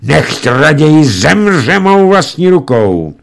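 A man's voice: fairly high pitch, sing-song, gravelly, voice pushed up. A man voicing a proud, melodramatic aristocratic father in a storybook reading. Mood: outraged. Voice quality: pompous, melodramatic. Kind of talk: audiobook reading.

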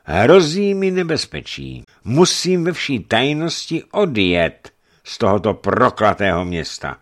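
A man reading an audiobook, voicing a scheming church envoy who speaks slowly, smoothly and with a hidden threat. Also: medium pitch, big pitch swings, pitched above the performer's own voice, natural voice. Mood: oily, threatening. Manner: oily, slow and threatening, then stammering in fear. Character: scheming sly male church envoy, middle-aged. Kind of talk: audiobook character voice.

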